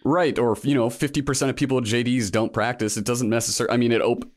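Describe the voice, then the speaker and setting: A man in his thirties, a law school applicant, appears as a guest in a casual interview and talks fast with a medium pitch and fairly even intonation. He rambles reflectively, full of fillers and restarts, and the recording is dry with clean studio sound.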